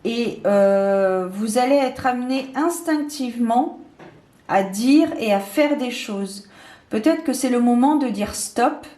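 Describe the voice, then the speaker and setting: A woman's voice: fairly high pitch, expressive, slow, mellow. A woman giving a casual tarot card reading, speaking hesitantly with many fillers and restarts. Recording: echoey room.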